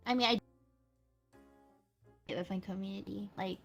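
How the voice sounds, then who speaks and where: A young woman chats in a soft, halting way, full of fillers and restarts. Her connection keeps dropping, so her voice cuts out and swings unevenly in volume. Faint music plays behind her. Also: mid-range voice, steady tone, creaky. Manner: soft-spoken, hesitant, many fillers and restarts. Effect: choppy online voice chat that cuts out, uneven volume. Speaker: guest streamer. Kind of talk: casual online voice chat.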